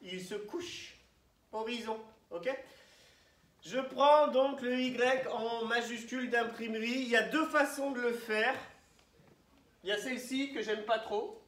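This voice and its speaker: A man teaching young children, asking questions and spelling words out slowly syllable by syllable. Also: very high voice, a bit bright, far from the mic. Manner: questioning, prompting pupils to answer. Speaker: primary school teacher. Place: classroom. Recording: roomy echo, voice from the mic.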